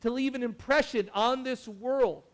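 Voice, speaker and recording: High-voiced man preaching a chatty sermon. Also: unhurried. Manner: chatty, animated, full of asides and restarts. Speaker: pastor. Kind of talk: casual sermon.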